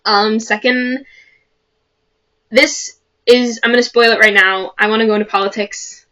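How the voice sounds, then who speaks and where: A woman's voice: fairly high pitch, fairly even intonation, unhurried, fairly bright tone. Earnest young woman chatting to camera. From Chicago suburbs. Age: young adult. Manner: earnest, chatty, many fillers and restarts. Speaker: vlogger. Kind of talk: casual talk to camera.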